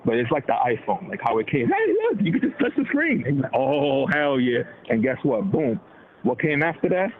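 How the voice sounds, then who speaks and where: With a medium-pitched voice at a moderate pace, a Dominican man talks politics in a very animated, slangy way, often voicing the people he quotes. The sound comes through a noisy, tinny phone-like line.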